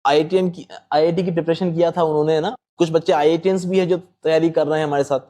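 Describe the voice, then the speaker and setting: A man's voice: on the high side, fairly even intonation, fast talker, mellow. A man explaining maths exam strategy patiently, politely addressing the host as sir. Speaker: quant teacher. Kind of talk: explanatory panel talk.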